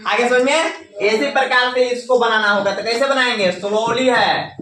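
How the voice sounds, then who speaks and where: A man teaching a classroom lesson, firing quick questions at the class and waiting for them to answer back. His voice is bright and forceful. He is heard from a distance in an echoey classroom, with faint noise behind him. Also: very high voice. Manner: drills students with quick call-and-response questions.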